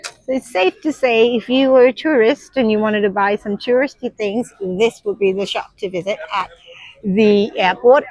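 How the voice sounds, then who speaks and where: A Sri Lankan nursery teacher in her thirties vlogs casually from a busy airport's shops and seating area, chatting and explaining things with plenty of ums. Her voice sits at a medium pitch, and the recording is dry and of poor quality.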